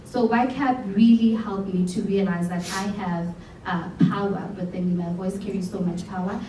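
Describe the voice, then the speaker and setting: A young adult South African woman, speaking as a program alumna, talks earnestly at a showcase about her learning, with some restarts. Her dark-toned, mid-range voice keeps fairly even intonation at a normal speed. The sound is distant and roomy, from an event hall, with faint hum in the background.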